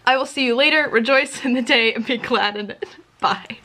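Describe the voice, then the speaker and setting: Giggly young woman vlogging, higher voice. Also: normal speed, sharp tone. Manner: giggly, self-mocking, sarcastic. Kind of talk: casual vlog commentary.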